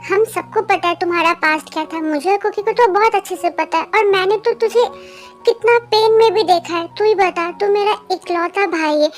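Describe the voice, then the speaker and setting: A woman voicing a stern but caring older sister who scolds and lectures her brother, in a fan dub drama. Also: very high voice. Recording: background music under voice. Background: music.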